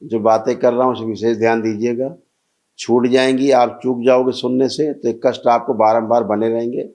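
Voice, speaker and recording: Man calmly instructing a gathering. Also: mid-range voice. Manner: commanding, measured instructions. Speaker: spiritual guru leading a healing gathering. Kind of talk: guided ritual instructions to a congregation.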